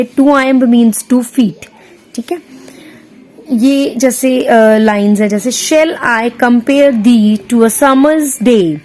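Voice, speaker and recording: A woman teaching a literature lesson, slowly explaining terms and repeating them patiently. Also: on the high side, a little mellow. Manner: slow, patient, repeats terms, mixes English into speech. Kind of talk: explaining poetic meter in a lesson.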